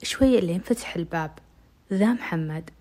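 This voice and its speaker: A woman's voice: on the low side, quick pace, darkish tone. A woman narrating a dramatic first-person story in an intimate way, slipping into whispers. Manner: intimate, dips into whispers at tense moments.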